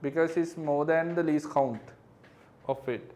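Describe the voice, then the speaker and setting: A physics tutor with a high, light voice goes over exam questions out loud. He works through each figure step by step. He keeps checking that his class follows with quick tag questions. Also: steady tone. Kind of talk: exam question review lesson.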